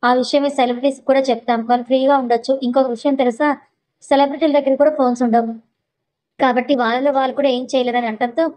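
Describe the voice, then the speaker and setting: A woman's voice: sits high, fairly even intonation, racing, a little mellow, close to an everyday voice, rough recording. A woman voicing an eager, talkative young man who hides a scheme, in a spoken story.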